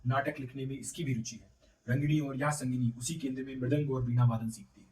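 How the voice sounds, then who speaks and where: A man's voice: medium pitch, fairly even intonation, a little fast, a little mellow, far from the mic, a little hiss or hum, natural voice. A man voicing a chatty young woman musician from the city in a read-aloud play, recorded in a roomy space away from the mic.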